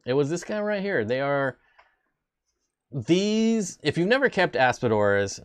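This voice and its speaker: A man's voice: fairly high pitch, sing-song, a little slow, clean tone, dry recording. A man hosting a casual fish-keeping stream, rambling with jokey, self-deprecating asides. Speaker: aquarium channel host. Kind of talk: casual livestream chat.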